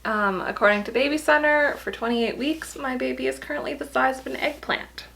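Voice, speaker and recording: A woman's voice: sits high, brisk, vocal fry, a bit bright, poor audio. A tired, pregnant young woman giving a casual vlog update, chatty and laughing often. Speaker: vlogger.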